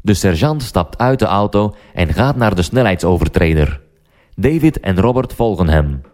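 A man narrating a story for language learners, slow and deliberate. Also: sits low, lively intonation, darkish tone.

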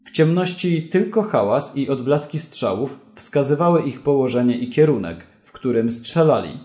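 Slow, deliberate male story narrator. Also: medium pitch, dark tone, roomy sound. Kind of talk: slow audiobook reading.

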